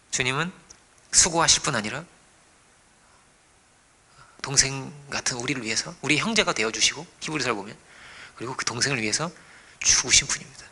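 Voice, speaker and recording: A man preaching a sermon as pastor, dropping to hushed whispers and rising to loud exclamations, often asking the congregation questions. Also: mid-range voice. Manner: dramatic swings between hushed whispers and raised exclamations; asks the congregation rhetorical questions.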